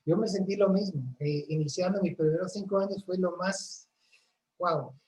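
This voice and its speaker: A woman's voice: lowish voice, fairly even intonation, moderate pace, darkish tone, poor audio. Woman, earnest storytelling, church talk, faint background hiss. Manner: earnest storytelling with frequent restarts. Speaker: church ministry member. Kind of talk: casual faith discussion.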